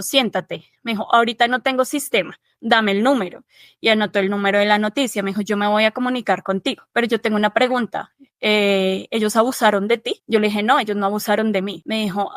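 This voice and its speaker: A woman from Bogotá with a Bogotá Spanish accent, a teacher giving her testimony in an interview, telling it in a lively way and quoting the dialogue quickly. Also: medium pitch, no echo, clean studio sound. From Bogotá, Colombia. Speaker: interview guest, early-childhood teacher. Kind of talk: conversational testimony.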